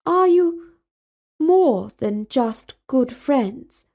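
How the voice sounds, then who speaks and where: A woman's voice: sits high, animated, very slow, dark tone, voice pushed up, exaggerated voice. A woman voicing an earnest, regal young princess in a storybook, formal and intense in her speech. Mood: intense, probing. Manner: formal, intense, precise wording.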